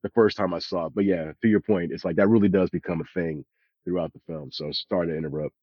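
Guy on a video call, really low voice, muffled dull audio, laid-back chatty talk. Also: steady tone, fast, slightly rough, no echo. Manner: laid-back, many "like" and "you know" fillers. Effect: heard over a video call. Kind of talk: casual movie chat.

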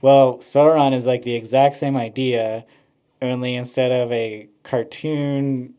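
A man's voice: medium pitch, fairly even intonation, unhurried, dark tone, clear, resonant tone. A man, a podcast host, rambling through casual chat, with many "like" fillers. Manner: rambling, heavy use of "like" fillers.

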